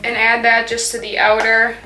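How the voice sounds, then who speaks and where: Her voice is a little high and monotone, moving at a moderate pace, and it sounds pushed and bright. She's a teen beauty vlogger casually talking through a makeup tutorial, leaning on "like" and drifting off mid-thought. Faint music and an echoey room make up the backdrop.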